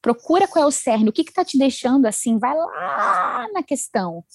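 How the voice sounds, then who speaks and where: A woman chatting casually about self-help ideas, animated and acting out inner voices. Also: sits high, moderate pace, vocal fry, no room sound. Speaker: guest sharing self-help advice. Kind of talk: casual chat.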